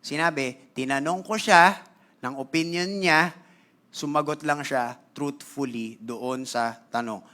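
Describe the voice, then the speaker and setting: Filipino male pastor, lively conversational sermon storyteller, bright tone, frequent throat-clearing. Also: fairly high pitch, slow pace. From Philippines. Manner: animated, conversational, switching between Tagalog and English; clears his throat often.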